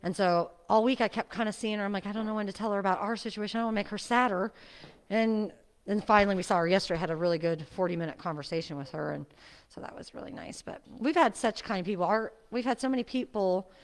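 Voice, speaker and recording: The speaker is a middle-aged woman, a fitness instructor, talking casually before class at a seniors' center exercise room. Her medium-pitched voice moves at a quick pace and is muffled by a face mask. Her manner is chatty and friendly, with frequent laughter.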